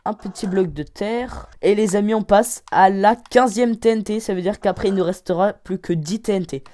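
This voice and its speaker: Speaking at a moderate pace in a mid-range voice, a female gaming channel host gives excited commentary. She lets out loud exclamations and scores each item out of ten.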